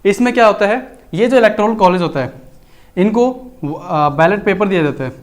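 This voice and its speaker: High-voiced male teacher. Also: expressive, normal speed. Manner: chatty, explanatory, mixes Hindi with English terms. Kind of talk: recorded exam-prep lecture.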